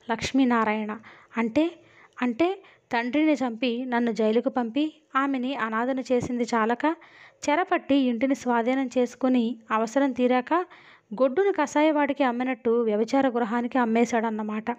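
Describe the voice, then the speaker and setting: Expressive woman narrating a novel. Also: a little high. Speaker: audiobook narrator. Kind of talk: dramatic novel reading. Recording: dull lo-fi audio.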